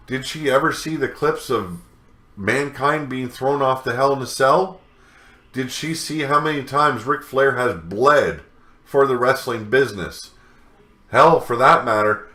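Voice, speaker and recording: A man's voice: medium pitch, bright, forceful tone, echoey room. A man hosting a wrestling news show, delivering a scornful rant full of profanity. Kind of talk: ranting news commentary.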